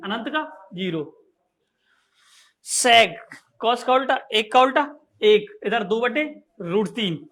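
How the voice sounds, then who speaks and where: Man, high voice, teacher, repetitive drilling, classroom math lesson. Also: a bit bright. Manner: repetitive, drilling, addresses students as bhaiya and sahab.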